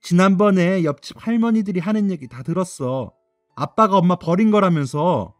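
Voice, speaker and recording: A man's voice: sits high, animated, no room sound, studio quality, faint music behind, voice pushed up. A man voicing an upset ten-year-old boy who pleads and cries in a radio drama. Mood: sulky, angry. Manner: tearful, pleading, drawn-out cries.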